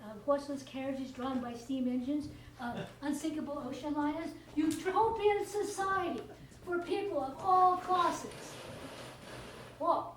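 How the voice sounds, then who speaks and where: An actress with a high-pitched, unhurried voice plays a cheeky, irreverent middle-aged charwoman on stage, chatting and laughing often to a silent listener. The sound is echoey and distant, with faint hiss.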